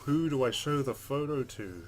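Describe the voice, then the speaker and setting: Over steady, loud background noise and faint music, a man with a mid-range voice reads game text from a visual novel at a moderate pace. As a let's play host, he adds his own casual reactions along the way.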